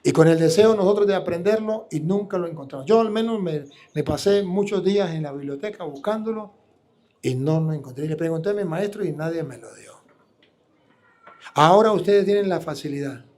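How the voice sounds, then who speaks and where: Priest, man, high voice, preaching live, combative and full of rhetorical questions. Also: fairly quick, a little mellow.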